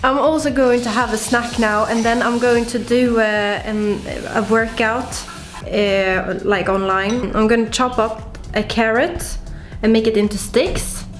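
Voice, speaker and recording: A woman's voice: a little high, fairly even intonation, unhurried. A young woman talking casually in her home kitchen, chatty and full of "like", as a vlogger. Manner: chatty, peppered with "like".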